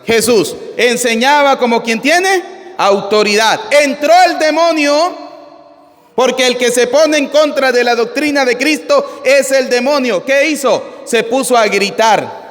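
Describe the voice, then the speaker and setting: Blunt high-voiced priest in a reverberant church. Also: male voice, unhurried, fairly bright tone. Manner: blunt, asks the congregation rhetorical questions. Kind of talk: live sermon on the Gospel.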